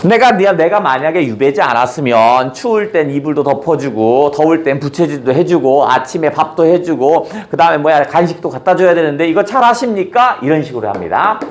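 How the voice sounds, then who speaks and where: A man's voice: fairly high pitch, animated, fairly quick, few pauses. A man teaching a literature class in a playful, colloquial way with blunt slang. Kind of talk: classroom lecture.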